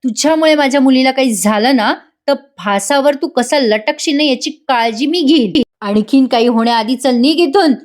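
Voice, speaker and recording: A stern, furious middle-aged father scolds sharply and barks orders, put on by a woman. His voice rides high and tight in a retold serial scene. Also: normal speed, few pauses, natural voice. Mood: angry.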